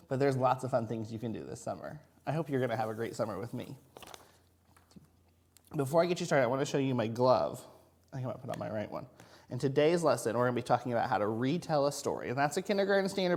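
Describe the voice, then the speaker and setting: A man works as a kindergarten teacher, leading a children's video lesson at a middling pitch. He speaks directly to little kids in simple, encouraging words. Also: a little mellow. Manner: simple, encouraging talk addressed to young children.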